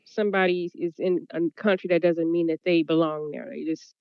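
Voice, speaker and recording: A woman's voice: fairly low pitch, fairly even intonation, fairly quick, smooth, no room sound. A woman chatting casually as a panelist on a discussion. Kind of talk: casual chat. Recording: dull lo-fi audio, dry.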